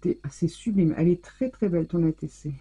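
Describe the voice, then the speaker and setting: A woman's voice: lowish voice, a little fast, mellow, breathy edge, rough recording. A woman hosting a casual scrapbooking vlog, effusively gushing over the handmade gifts she unwraps. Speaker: scrapbooking channel host. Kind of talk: casual mail-opening vlog.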